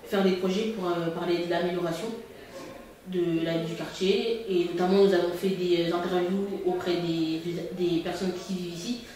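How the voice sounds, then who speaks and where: An eighteen-year-old woman answers interview questions, pausing and repeating small words. She is heard from a distance. The room is very echoey with faint clicks. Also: on the low side, fairly even intonation, warm tone.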